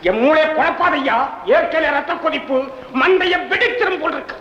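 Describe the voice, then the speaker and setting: A man's voice: extremely high pitch, a little fast, sharp tone, a little hiss or hum. An actor playing a stern, hot-tempered older father who scolds and interrogates his family. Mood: angry. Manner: gruff, scolding, blustering. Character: stern hot-tempered old father with high blood pressure. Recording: muffled old film soundtrack with reverb.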